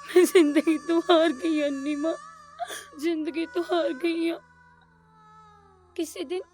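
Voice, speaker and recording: An actress playing a lonely, frightened young bride with a Punjabi accent, speaking timidly through tears. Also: female voice, extremely high pitch, fairly even intonation, normal speed, slight background noise. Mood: tearful. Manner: timid, soft, tearful.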